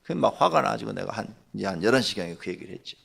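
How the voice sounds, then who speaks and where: A man preaching a dawn sermon in a gravelly, creaky voice. His pitch moves a lot as he tells his story, dropping to hushed asides and then rising to loud, heated bursts. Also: very fast. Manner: animated, swings from hushed to shouting. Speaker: pastor.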